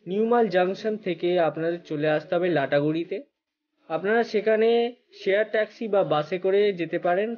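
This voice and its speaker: A man's voice: high-pitched, lo-fi sound. Man giving a travel guide. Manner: addresses viewers as friends, lists costs and routes. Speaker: travel channel host. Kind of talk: scripted travel guide narration.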